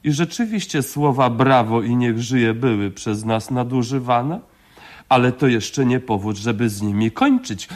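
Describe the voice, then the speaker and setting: A man's voice: mid-range voice, measured pace, natural voice. A man doing a pompous meeting chairman. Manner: pompous bureaucratic speechifying. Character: fussy officious male meeting chairman.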